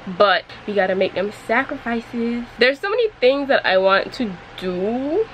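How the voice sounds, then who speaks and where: A young woman vlogging casually from her car, with a low, nasal morning voice and a chatty, candid manner. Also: lively intonation, measured pace, fairly bright tone, slight background noise. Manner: chatty, candid, laughs easily. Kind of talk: casual vlog chat.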